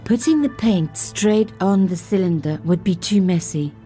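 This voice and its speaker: A woman's voice: mid-range voice, moderate pace, mellow, soft background music, close to an everyday voice. An actress voicing a young woman journalist who narrates her sleuthing with dry, self-mocking asides. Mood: wry. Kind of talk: game voice-over narration.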